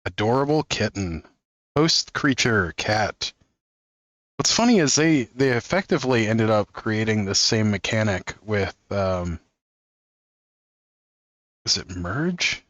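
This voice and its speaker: A man's voice: lowish voice, animated, slow pace, long pauses, fairly bright tone, no room sound. A man hosting a card-opening video, reading card text aloud in a casual, amused way and chuckling often. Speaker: card-opening channel host.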